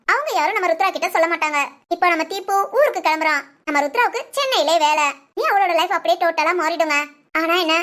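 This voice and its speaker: A woman tells a short story in a chatty style and keeps turning to speak straight to her listeners. Her voice is very high and bright, and she talks fast. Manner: chatty, addresses listeners directly. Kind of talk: spoken short story narration.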